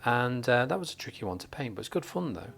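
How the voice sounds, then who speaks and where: A man's voice: mid-range voice, sing-song, fast, gravelly, fairly bright tone, soft background music. A man from northern England giving a live watercolour tutorial, chatting and joking as he thinks aloud while painting at a desk under studio lights.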